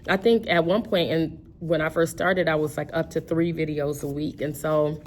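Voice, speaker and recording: A woman's voice: sits low, steady tone, moderate pace, slight background noise. A woman chatting casually about her budget, rambling with many fillers and restarts. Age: 50s. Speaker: personal finance vlogger.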